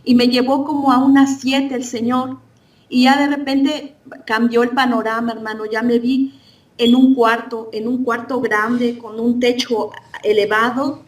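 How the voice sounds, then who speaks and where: A church member gives a religious testimony, earnestly describing a spiritual vision and frequently restarting her sentences. Her voice is fairly high and level, her pace unhurried, and the mic sits at a distance.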